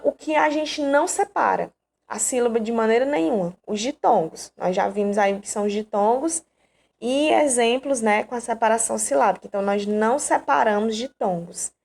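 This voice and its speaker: A woman's voice: mid-range voice, creaky, darkish tone. A woman from Brazil teaching an online grammar lesson, explaining patiently and checking in with her students often.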